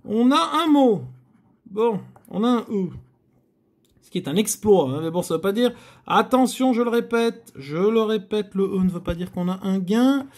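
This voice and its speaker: A man's voice: high voice, normal speed, darkish tone. A man hosting a scratch-card video, giving chatty, theatrical commentary to his viewers as he scratches. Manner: chatty, theatrical, addresses viewers, frequent groans. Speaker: host.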